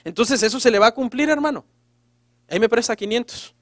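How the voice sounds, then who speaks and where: A man's voice: extremely high pitch, fairly quick, fairly bright tone, dry recording. A man preaching a sermon as pastor in a sarcastic, joking manner, acting out the people he quotes in changing voices.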